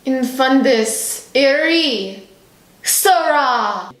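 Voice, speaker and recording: A woman playing a solemn seance medium in a student film, speaking gravely and portentously. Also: high voice, lively intonation, extremely slow, fairly bright tone, heavily acted. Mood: solemn, ominous. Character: solemn, ominous female seance medium contacting the dead. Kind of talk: scripted student film drama. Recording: echoey room with background noise.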